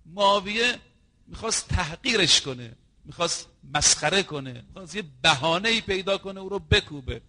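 A man's voice: a little high, bright, forceful tone. A man preaching a sermon, telling stories and acting out the quoted dialogue, and addressing his listeners as brothers and sisters.

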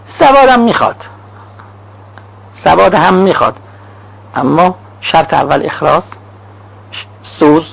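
Gravelly, husky male preacher. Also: on the high side. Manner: lists examples in short rhythmic phrases. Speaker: cleric lecturing on preaching. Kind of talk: sermon-style lecture. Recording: dull lo-fi recording.

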